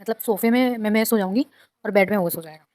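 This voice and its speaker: A woman telling a personal story in a casual, dramatic way. She sounds indignant and adds lively asides to her listeners. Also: medium pitch, quick pace, no room sound.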